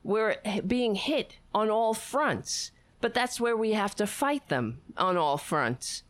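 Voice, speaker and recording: An American woman delivers political commentary like a rally speech, at a slow, deliberate pace. Her pitch sits in the middle for a woman. She is emphatic and halting, leaning on repeated rallying phrases as a show host. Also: animated.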